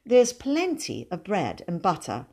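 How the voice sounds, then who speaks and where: A woman's voice: lowish voice, huge pitch swings, measured pace, dark tone, husky, full character voice. A patient but firm mother, voiced by a woman reading aloud, setting limits in a level, no-nonsense tone. It is read from a storybook.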